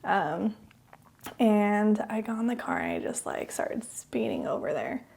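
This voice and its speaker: A young woman co-hosting a podcast, telling a personal story haltingly with many fillers, sometimes dropping to a whisper. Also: medium pitch, very animated, creaky, a little mellow. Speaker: podcast co-host.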